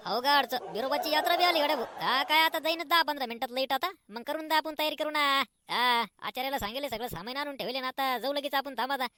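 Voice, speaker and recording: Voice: high-pitched, fast talker, sharp tone. An actor voicing a nosy, teasing village neighbor in a cartoon comedy. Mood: gossiping.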